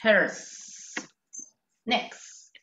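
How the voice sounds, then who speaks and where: A woman whose first language is Spanish, teaching English grammar in an online class, repeating examples patiently and clearly. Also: drawn-out words, sharp tone.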